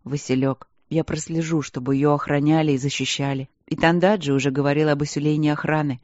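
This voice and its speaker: A woman voicing a calm, protective husband who speaks steadily and reassuringly. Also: low-pitched, a little fast, no room sound, dull audio, close to an everyday voice.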